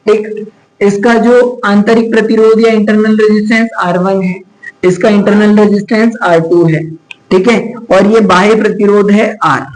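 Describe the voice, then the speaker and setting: A man's voice: sits high, steady tone, unhurried, rough recording. A man teaching a physics class, chatty and teasing, scolding students to focus and mixing in English terms. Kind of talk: classroom lecture.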